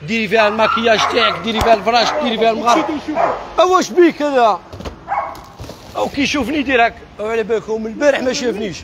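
An Algerian man selling wares on a live stream from his shop, hawking in rapid repetitive calls. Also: very high-pitched, noisy background. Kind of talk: live sales pitch.

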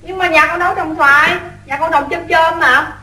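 High-voiced naive Southern Vietnamese daughter. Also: female voice, steady tone, normal speed, sharp tone. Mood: innocent, curious. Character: naive, obedient country daughter, young and chatty. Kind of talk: radio drama acting in the manner of an old radio show. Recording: roomy echo.

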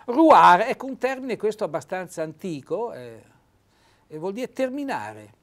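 A man's voice: sits high, huge pitch swings, normal speed. A man in his sixties with a Trentino accent, reading out Italian dialect phrases and explaining them as an informal lesson in a studio. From Trentino, Italy. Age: 60s. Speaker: host and dialect teacher. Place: small TV studio. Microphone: lapel mic.

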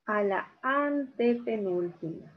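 Slow, husky woman teacher on video call. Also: fairly high pitch, lively intonation. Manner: slow, repeats key words, syllable-by-syllable. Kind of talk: online class lesson. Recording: dull video-call audio.

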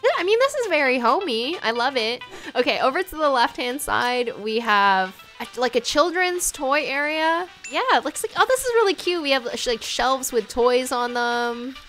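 A woman's voice: sits high, animated, normal speed, fairly bright tone. A young woman giving a casual, gushing tour commentary, full of "like" fillers. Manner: bubbly, gushing, frequent "like" fillers. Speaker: game island tour vlogger. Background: faint game music.

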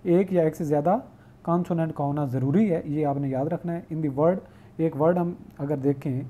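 A male teacher giving an online lecture. He reads English definitions slowly, explains them at length, and asks questions he answers himself. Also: on the high side, warm tone, a little hiss or hum.

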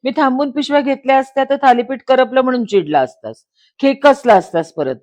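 A woman's voice: high-pitched, fairly quick, darkish tone, pitched above the performer's own voice, close to an everyday voice. A woman voicing a hurt young pregnant wife who speaks in a pleading, reproachful way close to tears, in a dramatized story reading.

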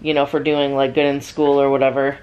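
A woman's voice: a bass voice, monotone, fairly quick, smooth, dull audio. A young woman vlogger telling a personal story in a casual, chatty way, full of "like" and "um.". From United States. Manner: chatty, lots of "like" and "um".

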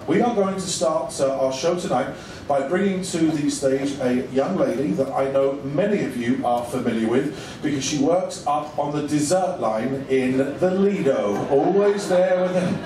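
A man's voice: a little high, expressive, normal speed, dark tone. A man hosting a stage show as master of ceremonies, addressing a live audience with upbeat showman banter. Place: large indoor ship theatre. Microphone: handheld stage mic, heard from camera in audience. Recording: distant echoey theatre PA, noisy.

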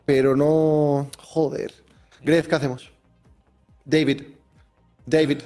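Man, high voice, excitable, laughing, faint background music. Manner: excitable, quick to laugh and shout. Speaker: streamer playing quiz game. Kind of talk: casual group banter.

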